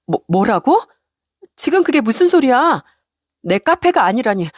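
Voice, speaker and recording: A woman voicing a frantic, pleading middle-aged wife in a spoken story, with a shrill, stammering delivery. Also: lively intonation, normal speed, dry recording, studio quality. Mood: panicked. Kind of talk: storybook radio narration.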